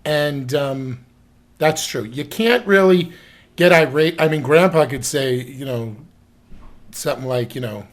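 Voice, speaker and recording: A man recounts stories from an animal hospital in a loose, chatty way, with frequent fillers and restarts. His voice sits at an ordinary pitch, and he mixes in mild crude remarks as he talks. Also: a little slow. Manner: rambling, chatty, a little crude. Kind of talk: casual storytelling to camera.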